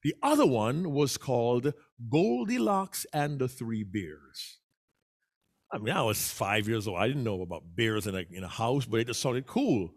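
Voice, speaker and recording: Man, workshop presenter, very expressive pitch, teaching delivery. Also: normal speed. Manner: animated, acts out voices. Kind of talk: public speaking workshop talk.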